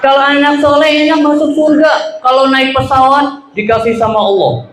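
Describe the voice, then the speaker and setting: A man telling stories to children at a live event, leading playful call-and-response, with sudden shouts and silly voices. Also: very high-pitched, fairly even intonation, moderate pace. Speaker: children's storyteller. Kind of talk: lively storytelling for children at an event. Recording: very echoey hall with background noise.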